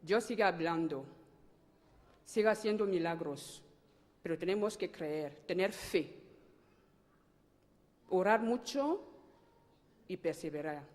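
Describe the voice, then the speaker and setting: A woman's voice: on the low side, lively intonation, a little mellow. Fervent woman. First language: French. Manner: emotional, fervent, halting at times. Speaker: church member giving testimony. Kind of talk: spoken church testimony. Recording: long hall reverb.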